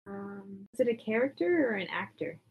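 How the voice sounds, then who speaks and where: A woman's voice: mid-range voice, sing-song, moderate pace, creaky, slightly rough, narrow, tinny audio. A young woman chatting casually, giggly and teasing, with a blunt way of egging her friend on. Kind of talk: casual chat.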